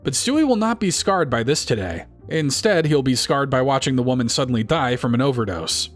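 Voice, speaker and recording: A man's voice: medium pitch, expressive, brisk, soft background music. A man giving scripted comedic narration, full of wry, sarcastic asides.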